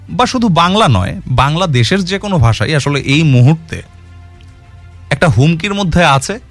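A man with a fairly high voice argues his case in an earnest explanatory talk, his pitch rising and falling a great deal. He keeps asking rhetorical questions and mixes English words into his sentences. Soft music plays faintly under him. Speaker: commentator on language.

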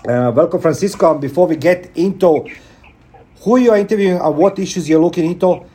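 A man's voice: high voice, brisk, warm tone. A man hosting a radio talk show and interviewing a guest, speaking in a rambling way with repeated words and fillers. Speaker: radio host.

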